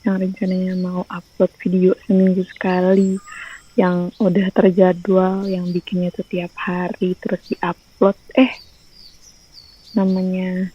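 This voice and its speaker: A woman's voice: fairly low pitch, completely flat delivery, measured pace, husky, lo-fi sound. A young woman, a teacher and YouTuber, chatting casually in a rambling vlog with lots of fillers, recorded on a phone. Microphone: phone rear camera.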